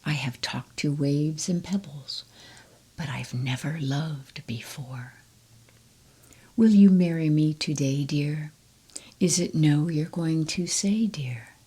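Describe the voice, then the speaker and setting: A woman voicing a lovesick male turtle who pleads softly in a whisper. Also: sits low, slow, slightly rough, exaggerated voice. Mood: tender pleading.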